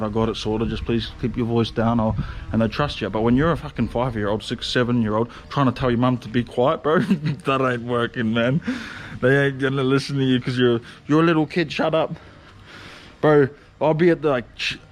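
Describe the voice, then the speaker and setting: A young man telling stories in a casual, slangy vlog, swearing and laughing often. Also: medium pitch. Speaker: vlogger. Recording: faint background noise.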